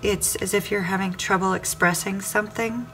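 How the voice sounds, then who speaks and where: This weekly tarot reading comes from a woman with a mid-range, somewhat bright voice who speaks at a moderate pace with fairly even intonation. She goes star sign by star sign, addressing the viewer head-on and circling back to earlier phrases. Clear background music runs under a rough recording.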